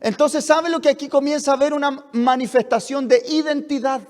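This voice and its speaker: A man preaching a fervent sermon as a pastor, asking rhetorical questions and pressing toward shouts. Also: very high voice, steady tone, a little fast. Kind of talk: sermon at a leaders' retreat. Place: retreat hall. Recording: long hall reverb.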